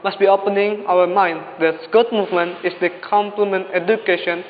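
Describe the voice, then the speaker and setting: A man's voice: sits high, steady tone, brisk. A young man with an Indonesian accent delivers a memorized competition speech in a formal, declamatory, exhortative manner. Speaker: speech contestant. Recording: dull lo-fi, echoing hall, faint noise.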